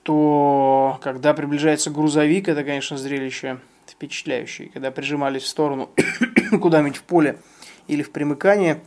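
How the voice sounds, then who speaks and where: Male rally navigator, somewhat high voice, halting delivery full of fillers, clears his throat often. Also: steady tone, darkish tone. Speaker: rally co-driver. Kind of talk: post-stage account.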